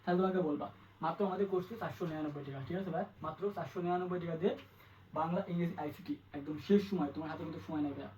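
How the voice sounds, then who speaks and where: A man teaching an exam-prep grammar lesson, quick and repetitive, asking his students questions again and again. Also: a little high, fairly even intonation, a little mellow, recorded from a distance, a little hiss or hum, poor audio. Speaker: English tutor.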